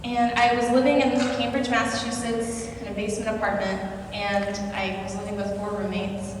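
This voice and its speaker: A woman's voice: mid-range voice, flat delivery, normal speed, noisy background. A woman in her twenties who grew up in Singapore and speaks with an American accent, telling a personal story at a conference in a conversational, self-deprecating way. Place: lecture hall at a conference. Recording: echoey hall, voice from far off.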